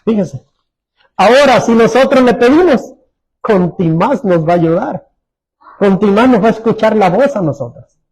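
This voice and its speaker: A man preaching a sermon as pastor, Mexican Spanish accent, repeating phrases and dropping to soft, low tones for emphasis. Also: lively intonation, moderate pace, husky, low-quality recording. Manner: repeats phrases, restarts words.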